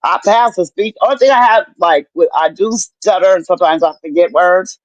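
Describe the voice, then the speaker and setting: Profane, animated middle-aged woman storyteller. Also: fairly low pitch, normal speed, no room sound. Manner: animated storyteller, profane, acts out what people said. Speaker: guest telling her story. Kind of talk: casual chat. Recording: dull lo-fi dry sound.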